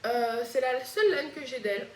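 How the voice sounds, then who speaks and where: A woman from Réunion with a Réunion French accent hosts a knitting podcast, chatting casually yet hesitantly with frequent pauses. Her high voice has lively intonation and a darkish tone, and the recording has a little hiss or hum in an echoey room.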